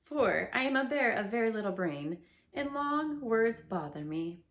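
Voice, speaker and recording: A woman voicing a simple, humble male bear who talks slowly and earnestly. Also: fairly high pitch, lively intonation. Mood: earnest, puzzled.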